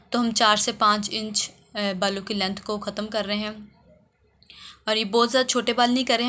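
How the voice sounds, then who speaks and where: Speaking in a bright, forceful, medium-pitched voice, a hairdresser gives a tutorial. Her instructional voice-over for a how-to video walks through each step, and she repeats herself often.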